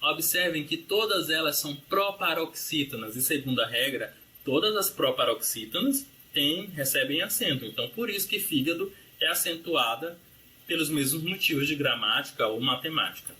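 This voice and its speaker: Bright-voiced man teaching grammar. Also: a little high, expressive, moderate pace. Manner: explanatory, frequent tag questions like "né?" and "ok?"; lists rules and word examples. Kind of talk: recorded grammar review lesson.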